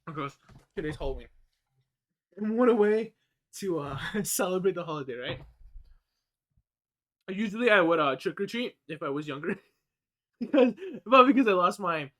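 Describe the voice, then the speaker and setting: Young male streamer, high voice, loose rambling chat with laughs and swearing. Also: expressive, moderate pace, long pauses, fairly bright tone. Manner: laughing, rambling, cursing, filler-heavy. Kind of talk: casual live-stream chat while eating.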